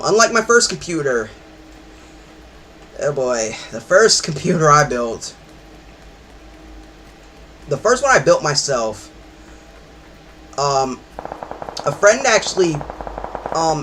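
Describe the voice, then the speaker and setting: A man's voice: mid-range voice, a bit bright, slight background noise. A man streaming a game, chatting in a rambling way with sudden outbursts. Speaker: gaming streamer. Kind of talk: casual chat while playing.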